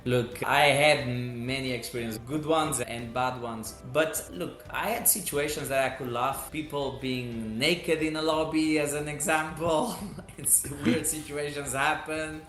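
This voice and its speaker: A middle-aged man who grew up in Portugal, speaking English as an as a resort manager answering interview questions in steady, explanatory phrasing. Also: a little high, a little slow, soft background music. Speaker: resort general manager, guest. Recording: roomy echo.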